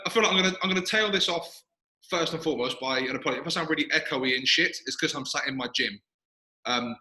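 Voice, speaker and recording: A man's voice: mid-range voice, bright, forceful tone. A man hosting a podcast in casual chat, talking from his gym with a big hall echo around his voice. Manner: quick, chatty, self-mocking. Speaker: podcast host. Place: echoey gym, sitting in a squat rack. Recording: echoey gym room.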